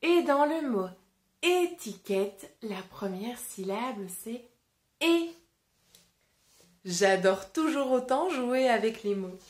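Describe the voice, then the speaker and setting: A woman reading a storybook aloud to children and leading a phonics lesson, slow and clearly articulated. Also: on the high side, animated. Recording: roomy echo.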